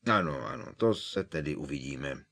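A man's voice: deep voice, animated. A man voicing a fussy, nervous old male wizard professor who grumbles and protests reluctantly. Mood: grudging.

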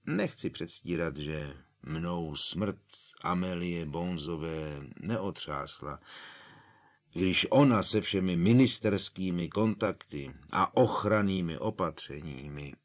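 A man's voice: sits low, close to an everyday voice. A man voicing a fussy, nervous old male wizard professor who grumbles and protests reluctantly.

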